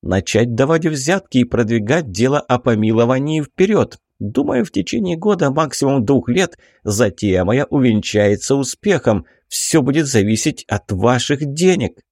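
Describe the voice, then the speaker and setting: A man's voice: mid-range voice, expressive, moderate pace, few pauses, a little mellow, no echo, clean studio sound, voice pushed up. A man reading an audiobook, voicing a cautious, timid investigator who talks in a hesitant, placating way. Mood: persuasive. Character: cautious middle-aged male investigator, timid.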